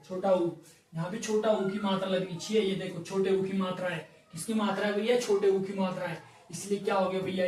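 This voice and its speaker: A man teaching a grammar lesson in a high voice, explaining patiently and throwing questions back at the class. He sounds a little far from the mic. The room is roomy and echoey. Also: a little mellow. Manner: explains step by step, keeps asking the class questions.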